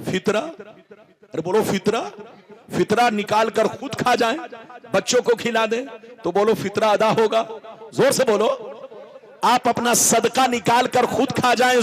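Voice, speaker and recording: A man with a Bihari Hindi accent preaching a sermon to a gathering over a sound system, calling on the crowd to answer aloud and chanting some lines in a drawn-out melodic way. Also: very high-pitched.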